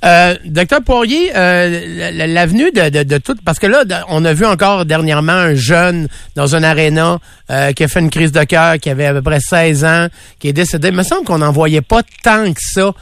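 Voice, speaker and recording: A man with a Québécois French accent hosting a radio interview, asking questions in a halting way full of restarts. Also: fairly high pitch, fairly bright tone, clear, resonant tone, no room sound, clean studio sound. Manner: hesitant, many fillers and restarts. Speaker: radio host.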